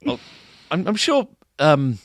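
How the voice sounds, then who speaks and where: His voice is high, slow, and full of big pitch swings, captured cleanly in studio quality without echo. As co-host of a podcast at a guitar shop, he keeps the indoor chat casual and frequently ends remarks with tag questions.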